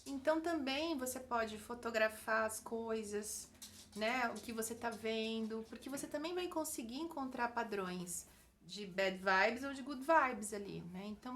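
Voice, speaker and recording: A woman talking straight to camera in an unedited vlog, chatty and gently encouraging, often tagging her sentences with "né?". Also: fairly high pitch, normal speed, slight background noise. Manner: chatty, gently encouraging, full of "né?" tag questions. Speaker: vlogger and author. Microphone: single camera, talking straight to viewers.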